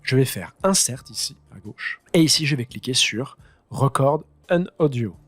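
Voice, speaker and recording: A man teaching his high school students how to use a piece of software, talking them through each click as he improvises. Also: lively intonation, normal speed, husky, faint music behind. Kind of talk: screen-recorded software tutorial.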